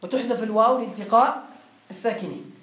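A man's voice: high-pitched, quick pace, a bit bright, far from the mic. A man teaching a classroom grammar lesson, explaining step by step and quizzing his students. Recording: roomy classroom with faint noise.

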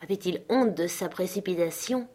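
A woman narrates a literary audiobook with measured, expressive pacing. Her voice is fairly low and has a husky, breathy grain. She tells the story in a steady reading tone.

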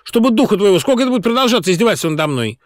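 A shrill, quarrelsome woman boss, put on by a male audiobook reader who screeches insults in high, swooping bursts. Her voice jumps wildly in pitch. The reading is close and dry. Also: very animated, racing, no echo. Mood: furious. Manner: screeching, furious, then frantic on the phone.

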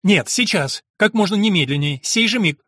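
A man voicing an excitable, impatient foreign male doctor who talks in abrupt exclamations. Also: high-pitched, a little fast, slightly rough, dry recording, studio quality, voice pushed up, heavily acted. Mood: excited.

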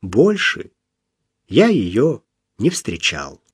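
A man reading a first-person story aloud in a measured, expressive way. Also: mid-range voice, breathy edge, no room sound, studio quality. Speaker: audiobook narrator.

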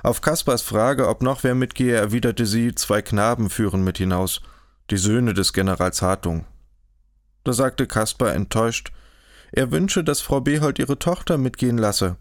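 A man narrating a historical novel in an audiobook, in a measured, even storytelling manner, close to the mic. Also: lowish voice, dry recording. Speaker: audiobook reader. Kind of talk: scripted narration.

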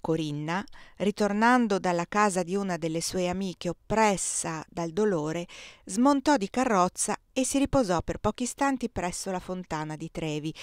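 A woman narrating a classic novel aloud in a measured, expressive reading. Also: fairly low pitch, no room sound, clean studio sound. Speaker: audiobook reader.

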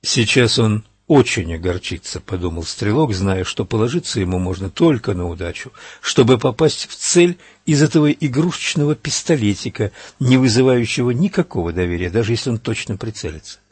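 A man narrating an audiobook in a steady, dramatic reading. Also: medium pitch, fairly quick, hardly any pauses, slightly rough, no room sound.

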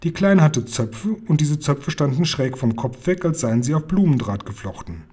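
A man reading a children's novel aloud with calm, measured narration. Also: on the high side, slightly rough. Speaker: reader.

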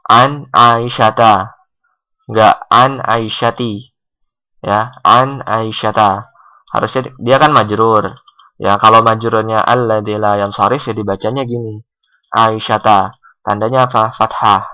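A man teaching Arabic grammar, asking questions and answering them himself, with drawn-out example readings. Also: on the low side, sharp tone, low-quality recording. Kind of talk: recorded grammar lesson.

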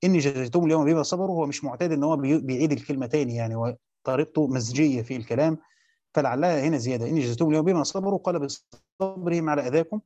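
Fast-talking Egyptian man giving a lesson. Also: a little high, warm tone, no echo, muffled recording. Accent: Egyptian Arabic. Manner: reads a passage aloud, then explains it and quizzes listeners. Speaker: teacher of Quran commentary. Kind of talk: classroom lecture reading and explaining a text.

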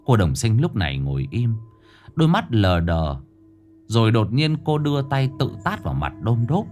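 A man narrating a scripted ghost story in a dramatic, expressive storytelling manner. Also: mid-range voice, moderate pace, faint music behind.

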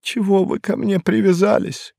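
A man voicing a frightened, beaten, surly hard-drinking man who talks in a hoarse, rasping voice and breaks into shouts. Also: high voice, steady tone, normal speed, no echo, clean studio sound, pitched above the performer's own voice. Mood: desperate. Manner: sullen, then bursting into shouts.

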